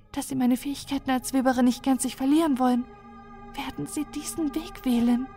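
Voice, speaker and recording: A woman's voice: on the high side, darkish tone, pitched above the performer's own voice, close to an everyday voice. A woman voicing a young female alien weaver who pleads in fearful despair, over faint background music. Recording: dry close recording with faint music.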